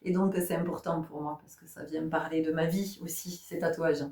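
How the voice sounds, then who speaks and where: A woman's voice: low-pitched, flat delivery, moderate pace, a little mellow. Chatty woman heard from afar in a roomy space. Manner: chatty storytelling, many fillers and restarts. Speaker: spiritual guide and vlogger. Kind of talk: casual chat. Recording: roomy sound from a distant mic.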